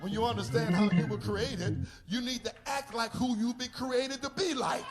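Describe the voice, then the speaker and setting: A man a sermon as a bishop, shouting in bursts and calling out to the congregation for responses. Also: very high voice, normal speed. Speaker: bishop preaching. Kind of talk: charismatic sermon.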